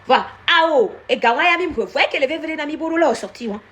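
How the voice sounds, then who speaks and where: A woman's voice: high voice, expressive, fairly quick, fairly bright tone. A woman giving casual live-stream commentary, slipping into Ewe and scolding viewers by name.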